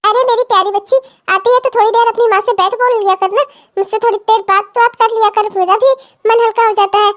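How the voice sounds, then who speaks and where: A woman's voice: very high voice, fairly even intonation, fast. A woman voicing a scheming older mother-in-law in a cartoon comedy, bossy and scolding toward her daughters-in-law and doting toward her own daughters.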